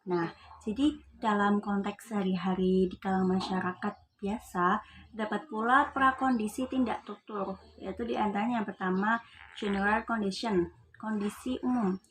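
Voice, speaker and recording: In a low-quality recording with a slight hiss or hum, a young Indonesian woman presents to her class, reading English definitions aloud before chatting about them informally. Her accented, mid-range voice is fairly bright, with even intonation and a normal pace.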